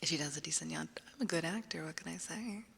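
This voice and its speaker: A woman whispering softly into the listener's ear as an ASMR livestream host, chatting casually on a close binaural microphone. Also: low voice, quick pace, gravelly, slight background noise. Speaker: livestream host, ASMR content creator and voice actor.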